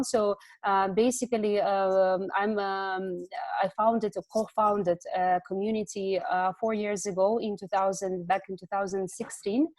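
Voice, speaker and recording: A woman's voice: mid-range voice, a little mellow, no echo. A woman from Ukraine speaks over a video call from her home. She talks hesitantly, full of fillers and restarts, as a community organizer and guest. The sound is close and dry, with no room around it. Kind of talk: casual online talk.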